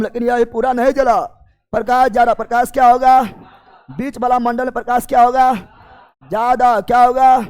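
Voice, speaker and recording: A man's voice: very high voice, clean tone. A man teaching a chemistry class, drilling students with repeated call-and-response questions and often raising his voice.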